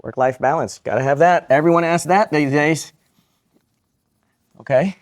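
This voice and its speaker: A man's voice: on the high side, moderate pace. A man from Vietnam who works as a psychiatrist, giving a live question-and-answer talk to students, upbeat and joking, repeating each question back.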